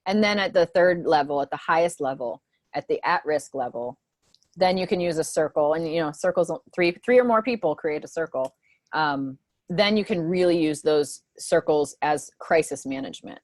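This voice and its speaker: A lowish, darkish-toned woman mentors teachers through a presentation over video call, chatting conversationally and repeatedly asking "right?" The recording sounds dry and close, free of room sound.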